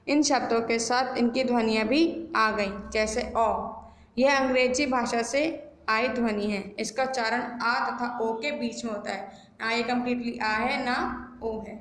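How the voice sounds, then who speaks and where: A woman school teacher giving a grammar lesson, spelling words out slowly and mixing English words into her explanations. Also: a little high. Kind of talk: recorded Hindi grammar lesson. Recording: echoey room.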